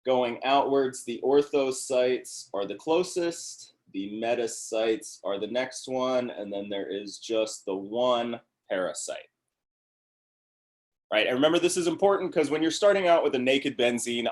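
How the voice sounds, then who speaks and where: A man's voice: medium pitch, normal speed. A man lecturing a class on organic chemistry in an upbeat review, often checking in with the class.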